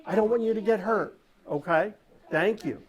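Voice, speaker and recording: A woman's voice: medium pitch, normal speed, darkish tone, muffled recording. A woman doing live magic show patter for children, giving step-by-step instructions and coaxing the audience along with frequent check-in questions. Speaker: stage magician performing for children.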